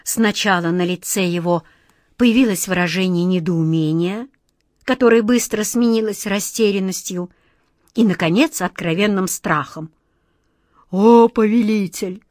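A woman narrating a children's fairy tale audiobook in an expressive, measured way. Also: fairly low pitch, no echo, clean studio sound.

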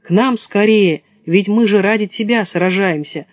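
Guy reading a brave little cat in boots, high eager voice, dry sound. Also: measured pace, no room sound. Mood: urgent.

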